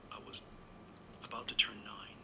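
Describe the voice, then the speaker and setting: A man's voice: moderate pace, in a whisper. A Taiwan-born man in his sixties, an interview guest telling a long personal story in a rambling way, often correcting himself. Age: 60s. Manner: rambling, anecdotal, with self-corrections. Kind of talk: conversational storytelling.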